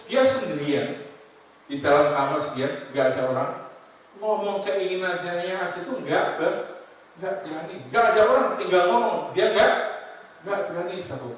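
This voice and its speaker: A male pastor preaching a sermon, animated, often addressing the congregation and then dropping to quiet asides. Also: high voice. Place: church hall. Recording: echoey church hall, mic at a distance.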